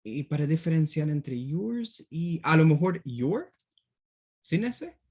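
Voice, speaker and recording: Husky, lively bilingual teacher. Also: male voice, fairly high pitch, slow pace. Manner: patient, checks understanding with frequent "okay?". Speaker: English teacher. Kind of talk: online class, switching between English and Spanish.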